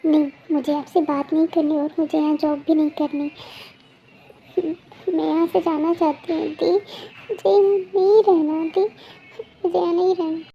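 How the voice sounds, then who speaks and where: A young woman voicing a frightened younger sister in a fan-made story, quiet and pleading. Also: very high-pitched, steady tone, measured pace, vocal fry, dull audio, a little hiss or hum, exaggerated voice.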